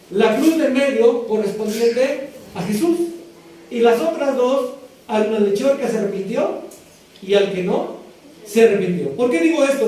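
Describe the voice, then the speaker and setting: High-voiced preacher in an echoey hall. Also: male voice, warm tone, recorded from a distance, a little hiss or hum. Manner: reads verses slowly, asks the congregation questions. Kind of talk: sermon with scripture reading. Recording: echoey hall, voice picked up from afar.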